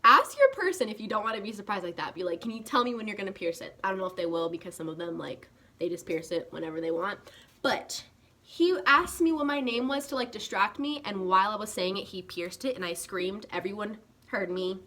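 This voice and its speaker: A young woman from California chatting casually to camera as a vlogger, animated and full of "like" and "guys". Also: mid-range voice, brisk.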